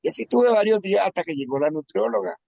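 Gravelly man with a halting way of talking. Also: high voice, expressive, dark tone, no echo. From Venezuela. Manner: emotional, halting, repeats words. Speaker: testimony speaker. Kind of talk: personal testimony.

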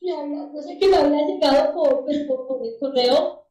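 High-voiced Colombian woman telling a faith story. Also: fairly quick, warm tone, roomy sound, far from the mic, poor audio. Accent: Colombian Spanish. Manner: storytelling, with frequent restarts and prayerful asides. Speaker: speaker sharing a personal faith testimony. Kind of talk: casual testimony.

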